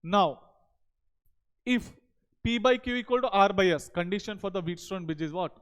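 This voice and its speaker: Here the Indian-accented physics teacher, a man in his thirties, has a clear, resonant voice pitched high and a moderate pace. Lecturing exam students at a digital board in an indoor studio over a headset, he often pauses to check in with brief questions and tag words.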